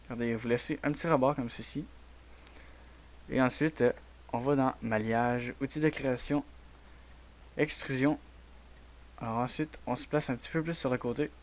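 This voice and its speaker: Man, Québécois French accent, soft-spoken, hesitant, step-by-step screen tutorial. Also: mid-range voice, steady tone, normal speed, pauses often. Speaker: tutorial host. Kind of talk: screen-recorded software tutorial.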